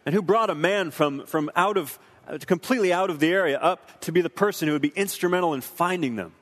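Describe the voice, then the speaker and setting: A man's voice: high-pitched, fast talker. Earnest young man in a reverberant hall. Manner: earnest, preacherly, emotional. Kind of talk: reflective film commentary.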